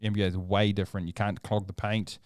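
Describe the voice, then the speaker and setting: A man's voice: lowish voice, level tone, quick pace, darkish tone, clean tone, no room sound, clean studio sound. A man co-hosting a casual sports podcast, opinionated and emphatic, pushing his points hard. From New Zealand. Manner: opinionated, emphatic, argues points with rising energy. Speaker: podcast co-host.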